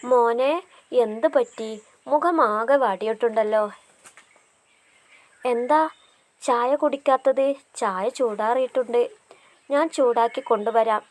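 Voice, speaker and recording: A woman voicing a gentle, caring older stepmother who coaxes and comforts her stepson. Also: a little high, takes it slowly, long pauses. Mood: soothing. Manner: tender, coaxing.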